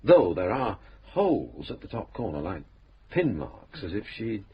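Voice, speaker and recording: Brief: a measured inspector, low voice that swings widely, dry manner, dull old radio sound with hiss. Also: male voice, very animated. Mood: pondering. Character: calm, thoughtful middle-aged police inspector. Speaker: detective inspector. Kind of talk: radio crime drama acting. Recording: slightly dull radio recording, faint hiss.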